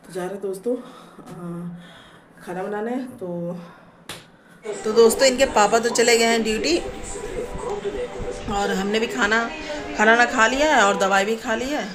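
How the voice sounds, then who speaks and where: A woman's voice: fairly high pitch, a little slow, long pauses, a crowd in the background. Chatty woman vlogging at home. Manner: chatty, rambling, many fillers. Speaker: family vlogger. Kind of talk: casual home vlog chat. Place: home, indoors.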